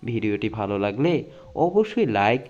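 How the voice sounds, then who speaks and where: A man reading motivational quotes as scripted narration, his pitch rising and falling at each phrase. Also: very animated, normal speed, darkish tone. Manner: sing-song recitation, rising then falling at each phrase. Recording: dull lo-fi audio.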